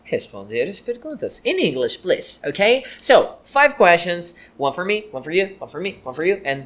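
A Brazilian man with a Brazilian Portuguese accent, co-hosting a casual English lesson podcast with playful banter and slow, clear English words. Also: sits high, sing-song. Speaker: English teacher and co-host.

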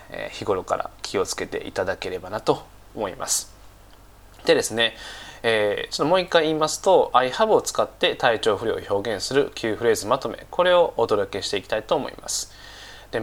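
A man with a somewhat low voice gives a casual English lesson, still a little stuffy-nosed from a cold. He talks unhurriedly, with plenty of fillers. He repeats each key phrase slowly and carefully. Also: fairly bright tone. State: slightly stuffy nose, recovering from a cold. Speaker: English teacher.

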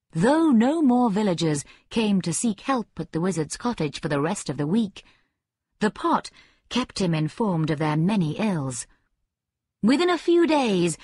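A woman narrating a storybook tale in a slow, measured, expressive way. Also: mid-range voice, breathy edge, no echo, clean studio sound.

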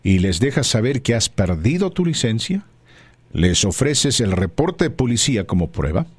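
A man's voice: fairly low pitch, no echo. A man hosting a call-in radio talk show, speaking in formal, wordy phrases with frequent fillers.

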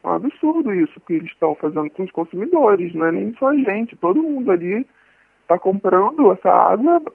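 A man interviewed by a news radio station as a listener, speaking through a voice distortion that hides his identity, halting and repeating words. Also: high-pitched, very animated, vocal fry, slightly rough, dry recording. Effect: voice distorted to hide identity. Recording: tinny phone-like line.

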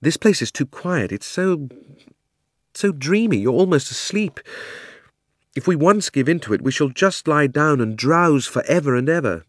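Male reader voicing a young girl, pitched up, quick and insistent, storybook style. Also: animated, dry recording, studio quality. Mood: urging. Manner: quick, insistent, corrects the boy. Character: dreamy, sharp-tongued young girl. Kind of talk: storybook reading.

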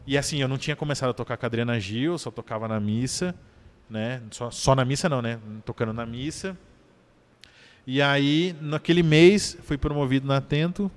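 A man with a Brazilian accent, a podcast guest, telling a personal story in an animated way and tagging his sentences with little checks to the listener. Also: mid-range voice, a little fast. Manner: animated storyteller, keeps adding "né?".

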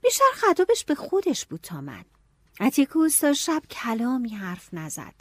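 A woman narrating an audiobook in a steady storytelling manner. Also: a little high, breathy edge, no echo.

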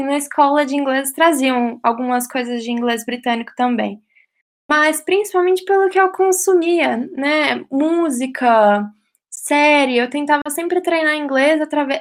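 A young Brazilian woman, a professional ballerina living in England, answers casual questions as a guest in a relaxed interview. Her voice is high and bright, and she explains things at length in a chatty, easy way. She laughs lightly and keeps checking in with tag questions, often saying "né?".

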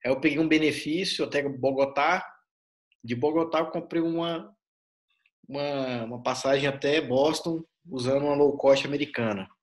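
A man's voice: fairly high pitch, normal speed. Man host, rambling storyteller. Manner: rambling storyteller, many fillers. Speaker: interview host. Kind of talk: casual interview chat.

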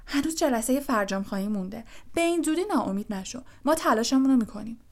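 A woman's voice: fairly high pitch, animated. A woman voicing an eager, loyal teenage boy wizard in an audiobook. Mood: encouraging. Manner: eager, resolute. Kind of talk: audiobook character voice.

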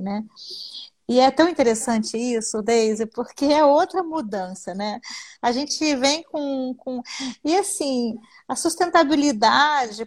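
A woman with a Brazilian Portuguese accent, a guest business consultant speaking animatedly in a casual live-stream interview, often tagging her sentences with questioning asides. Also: fairly high pitch.

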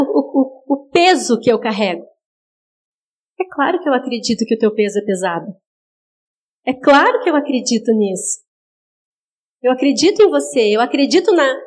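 Woman preacher with a high voice, earnest sermon delivery, direct address, slips into quoted voices of listeners. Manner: acts out listeners' words in quoted asides.

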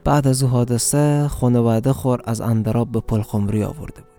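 A man with an Afghan Dari accent reads a story aloud in a very dark, warm voice. His delivery is steady and measured, and soft music plays underneath. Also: medium pitch. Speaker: narrator. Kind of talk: radio story reading.

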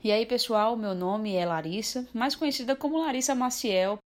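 A woman in her twenties telling her personal story as a podcast guest, reflective and lively. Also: fairly high pitch, moderate pace. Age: 20s. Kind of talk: personal testimony.

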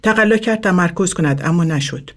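A man reading a story aloud in a calm, even narration. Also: high-pitched.

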